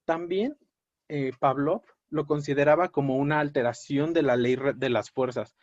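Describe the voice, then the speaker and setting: A man lecturing on a clinical topic in a measured, explanatory way, often pausing on fillers and correcting himself mid-word. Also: a little high, darkish tone, no echo. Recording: dry, dull lo-fi audio.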